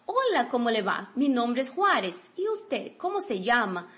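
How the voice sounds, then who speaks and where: A woman's voice: on the high side, sing-song, measured pace, a bit bright. A woman reading a polite male office worker's lines from a textbook dialogue in a plain, courteous way.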